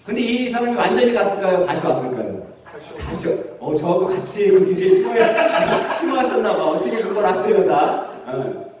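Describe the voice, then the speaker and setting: A middle-aged man preaching a sermon as pastor, telling stories in a chatty, lively way. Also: high voice, normal speed, a crowd in the background. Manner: conversational storytelling, lively with laughs. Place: church sanctuary. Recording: very echoey church hall, distant mic.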